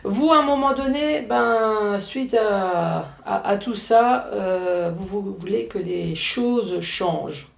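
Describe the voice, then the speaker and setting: A woman's voice: mid-range voice, slow, creaky, hardly any pauses, roomy sound. A woman with an Alsatian accent giving a casual tarot reading, chatty and joking, with frequent tag words. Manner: chatty, joking asides, frequent "hein" tags. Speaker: card reader.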